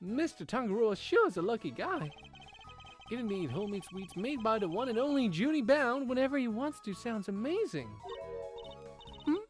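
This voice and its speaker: A woman voicing an eager, hot-headed young man who talks in excitable, loud outbursts. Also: a little high, moderate pace, faint music behind, voice pushed up.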